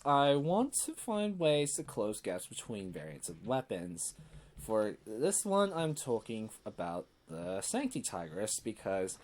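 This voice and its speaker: A young man giving casual, rambling gameplay commentary, self-deprecating and full of pauses and restarts. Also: medium pitch, a little mellow. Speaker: gaming YouTuber.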